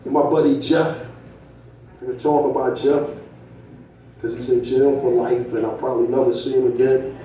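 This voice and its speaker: A man's voice: medium pitch, flat delivery, moderate pace, long pauses, dark tone, a little hiss or hum. A male stand-up comedian telling a profane story to a club crowd, tagging his lines with "right?". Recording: echoey room, mic from a distance.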